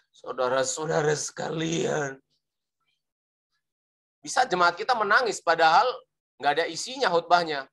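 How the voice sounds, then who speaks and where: Man, preaching instructor, bright ringing voice, emphatic, demonstrative, playful. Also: on the high side. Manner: animated, emphatic, demonstrates rising and falling intonation; playful teasing asides. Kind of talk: teaching lesson on sermon delivery.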